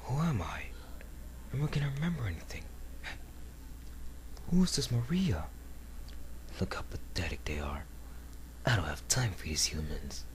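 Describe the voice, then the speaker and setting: A man's voice: low voice, big pitch swings. A man voicing an arrogant, brooding hedgehog antihero from a video game, with a cold, dramatic delivery. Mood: brooding, hushed. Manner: slow, dramatic, haughty, cold. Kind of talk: video game character voice demo. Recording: noisy amateur home recording.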